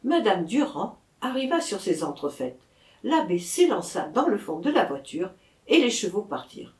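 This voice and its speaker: A woman narrating a classic novel as an audiobook, in an expressive storytelling manner. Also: mid-range voice, moderate pace. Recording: echoey room.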